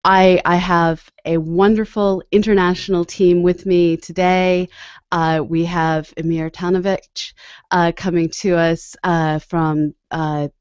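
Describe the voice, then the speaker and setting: A woman's voice: fairly low pitch, flat delivery, takes it slowly, clean tone, dry recording, lo-fi sound. A woman in her thirties hosting a video call interview from a home office, speaking into a desk microphone, friendly and with frequent fillers. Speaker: host. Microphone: desk microphone on a boom arm.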